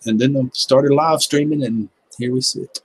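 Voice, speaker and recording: A man in his fifties hosting a gardening-channel livestream chats over viewer comments in a Southern American accent, easygoing, joking and folksy. His medium-pitched, slightly rough voice has fairly even intonation at normal speed. There's no room sound, though the recording is low quality.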